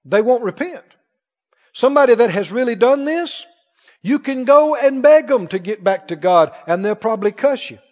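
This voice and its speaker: An extremely high-pitched, darkish male voice with lively intonation and normal speed rings out as a man preaches from the Bible to a congregation. He presses his points emphatically with questions, in a large church hall whose recording comes across muffled and echoey.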